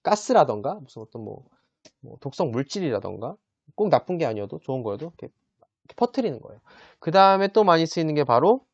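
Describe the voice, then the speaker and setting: A man teaching English vocabulary in a casual lesson, chatty and often checking in with his listeners, sounding words out slowly. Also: fairly high pitch, big pitch swings, vocal fry, husky, dry recording, highs cut off. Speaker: English tutor.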